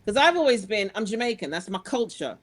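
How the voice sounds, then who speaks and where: A middle-aged woman with a London accent speaks frankly in a conversational interview. She tells her story earnestly and with animation, circling back and restarting her sentences as she goes. Her voice sits at an ordinary pitch for a woman. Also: big pitch swings, fairly quick, fairly bright tone. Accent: London English. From England. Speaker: guest.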